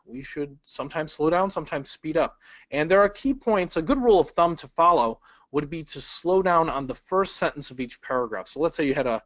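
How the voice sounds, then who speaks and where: A man teaching an online webinar from his laptop in a conversational way. He asks the audience questions and keeps changing his speed and loudness for emphasis. His voice sits at an ordinary male pitch, and the recording is dry, with no echo. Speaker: speed reading instructor. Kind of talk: webinar lesson. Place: indoors at a laptop.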